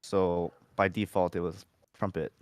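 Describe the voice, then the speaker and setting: A man's voice: low voice, level tone, unhurried. A man co-hosting a casual music producers' chat over a video call, easygoing and telling stories with stumbling restarts. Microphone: home mic on video call.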